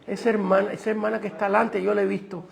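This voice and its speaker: A man's voice: high-pitched, level tone, rapid-fire, vocal fry. A middle-aged man, preaching a Bible class to a congregation and often asking them questions. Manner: teaching preacher, asks the audience questions. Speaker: pastor. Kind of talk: sermon teaching class.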